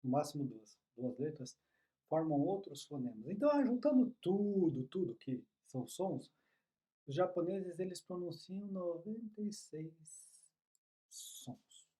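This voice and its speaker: A man's voice: on the high side, big pitch swings, unhurried, warm tone, rough recording. A man, explaining Japanese in a casual online lesson and often checking in with the listener. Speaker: Japanese teacher.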